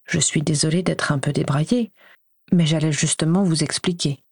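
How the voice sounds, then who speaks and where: A flustered teenage boy wizard, quick to protest, voiced by a woman reading aloud. Her tone is low and husky, recorded dry and close. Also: steady tone, darkish tone, no echo.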